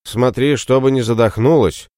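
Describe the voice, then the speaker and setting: A man reading an audiobook, voicing a calm male warband leader who gives firm, measured orders. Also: mid-range voice, no room sound, clean studio sound, voice pushed up, close to an everyday voice.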